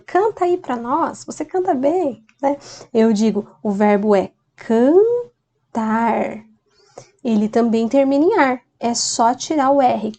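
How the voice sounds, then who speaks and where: A woman's voice: fairly high pitch, mellow. A woman teacher explaining grammar in a video lesson, often checking in with "né?". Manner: explains patiently with frequent "né?" checks. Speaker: Spanish teacher.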